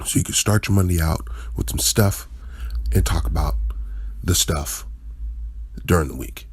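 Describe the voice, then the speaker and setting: A man hosts a casual solo podcast, sounding groggy and under the weather as he rambles informally and corrects himself along the way. His voice is low, slightly rough and unhurried, with no echo in the recording.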